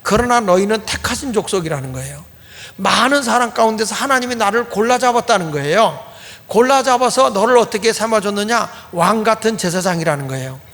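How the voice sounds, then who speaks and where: A man's voice: high voice, lively intonation, fairly quick, a bit bright. A middle-aged man preaching a Sunday sermon as pastor, explaining in a plain way and repeating key phrases for emphasis. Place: church sanctuary. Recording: long hall reverb.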